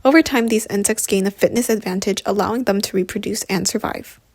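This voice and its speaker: Woman reading science explainer script, raspy and fry-heavy. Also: medium pitch, brisk, darkish tone, dry recording. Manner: expository. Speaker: co-presenter. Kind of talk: scripted educational narration.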